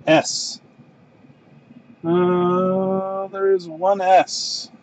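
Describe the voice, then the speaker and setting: The poor audio, with slight background noise, captures a high-voiced Canadian man whose pitch barely moves. He hosts a casual live card break from a desk in his home card room, mumbling card names at an unhurried pace as the packs get opened.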